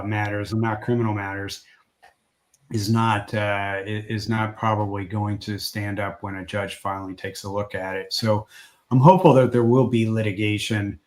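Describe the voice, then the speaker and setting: A man who is an immigration lawyer, giving a livestream legal update, a little hoarse and speaking haltingly with many fillers and restarts. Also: lowish voice. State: losing his voice a little.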